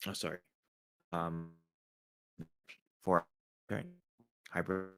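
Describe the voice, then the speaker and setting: A low-pitched, gravelly man speaks slowly over an online voice chat whose connection keeps breaking up and dropping words. He sounds halting and hesitant, starting and stopping. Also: level tone. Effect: choppy, breaking-up voice-chat connection. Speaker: caller in a group voice chat. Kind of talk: casual chat.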